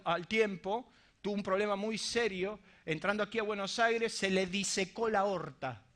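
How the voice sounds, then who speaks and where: A middle-aged man with a Rioplatense Spanish accent preaching a sermon to a congregation, swinging from shouts to hushed lines. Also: sits high.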